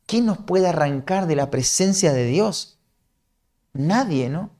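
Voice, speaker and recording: Argentine guy preaching, rioplatense accent, kinda high voice, keeps asking ¿no?. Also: animated, slow pace, warm tone. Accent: Rioplatense Spanish. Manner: earnest, explanatory, often ends points with a questioning "¿no?". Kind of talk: sermon.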